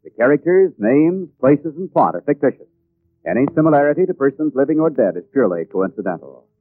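A man's voice: mid-range voice, very animated, fairly quick, no room sound. A man as an old radio network announcer, reading a scripted closing announcement. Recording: tinny old radio recording, loud organ music.

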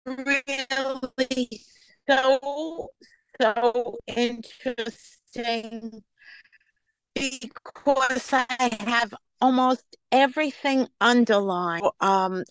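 A woman in her seventies with a New York accent, sharing her personal story slowly on a video call, with restarts. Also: on the high side, clean tone, dry recording, rough recording. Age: 70s. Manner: slow, warm-hearted, halting with restarts.

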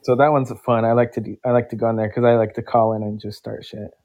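A man's voice: medium pitch, flat delivery, fast talker, muffled recording. A man chatting casually with a stranger, rambling and filling his talk with "like" and restarts. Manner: rambling, filler-heavy, uses "like" a lot. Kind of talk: casual chat.

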